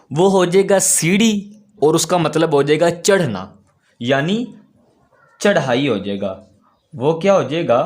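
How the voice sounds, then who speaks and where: A young man teaches vocabulary to students. His voice sits a little high and rises and falls a great deal. He poses his own questions, answers them, and repeats each word slowly so it sticks. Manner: repeats key words slowly. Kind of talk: classroom lesson.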